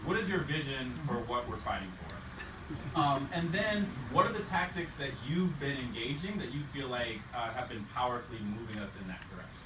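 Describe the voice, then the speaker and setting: A man's voice: mid-range voice, animated, fairly quick. A man moderating a panel discussion, posing questions to the group in a loose, informal way with "um" and "uh" fillers. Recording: roomy, distant mic, clear background noise.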